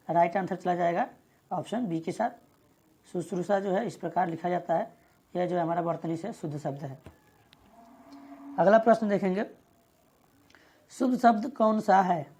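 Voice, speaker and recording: Husky-voiced woman teaching exam prep. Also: medium pitch. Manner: steady explaining, reads out questions and options.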